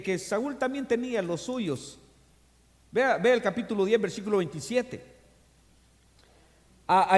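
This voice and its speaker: A man with a high, ringing voice leads a church sermon, reading scripture aloud and turning to his congregation. He swings from loud, rousing proclamations to hushed, confiding asides. His words carry a long, lingering reverb through a large church hall. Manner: reads scripture aloud and addresses the congregation directly. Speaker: pastor. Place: church during an evening service.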